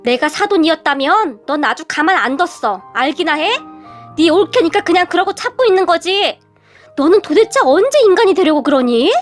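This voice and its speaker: A woman voicing a blunt, sharp-tongued mother-in-law who scolds in an exasperated way. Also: high-pitched, moderate pace, faint music behind. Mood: scolding.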